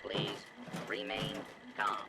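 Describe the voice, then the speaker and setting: A man voicing a calm robot that gives soothing safety instructions in a slow, measured way. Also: natural voice. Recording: loud noisy game audio. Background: loud game noise.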